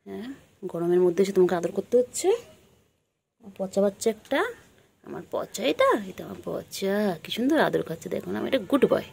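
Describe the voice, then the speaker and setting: A woman's voice: mid-range voice, lively intonation, fairly quick, gravelly, dark tone, husky. A woman talking doting, repetitive baby talk to her pet cats while filming them. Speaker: pet vlogger.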